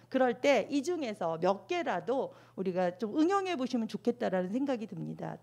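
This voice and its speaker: Middle-aged woman, church class presenter, high-ish voice with lots of melodic movement, acts out sample phone lines. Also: darkish tone. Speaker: church Sabbath school presenter. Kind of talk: church talk on phone manners.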